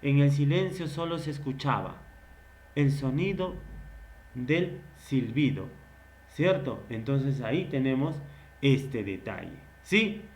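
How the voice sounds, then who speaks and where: A man teaching literature in a recorded lecture. He asks questions and answers them himself, and he repeats key words slowly. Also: medium pitch, lively intonation, a little mellow, a little hiss or hum.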